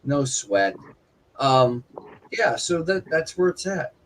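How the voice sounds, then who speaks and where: A man co-hosting a casual livestream chat, rambling a little with restarts and chatty shout-outs. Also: fairly high pitch, very animated, slow, slight background noise, rough recording. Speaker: livestream co-host.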